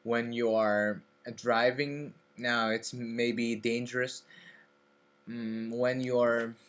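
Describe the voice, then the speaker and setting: Speaking very slowly in a mid-range, level voice that's smooth and a bit bright, a young Belgian vlogger chats casually to camera about language learning. French is his first language; he sits in a dim bedroom with a desk webcam, hesitant, full of fillers and restarts, moving his hands.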